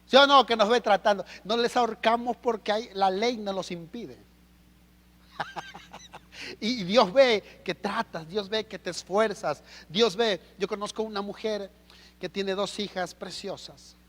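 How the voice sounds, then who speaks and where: High-voiced Mexican pastor preaching. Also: male voice, a little slow, long reverb tail. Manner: animated preaching with rhetorical questions. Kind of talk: sermon. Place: church hall.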